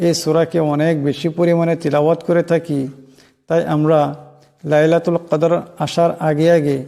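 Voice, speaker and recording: A man teaching how to pronounce a Quran chapter, slowly explaining each letter's rules and chanting the verses drawn out. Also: fairly high pitch, warm tone, big-room sound. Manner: slow, deliberate, spells out sounds letter by letter and chants verses drawn out. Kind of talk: slow teaching of recitation and pronunciation.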